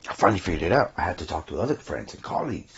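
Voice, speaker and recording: A man's voice: sits low, big pitch swings, racing, husky, muffled recording. A man giving casual, joking gameplay commentary, swearing freely. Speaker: let's play commentator.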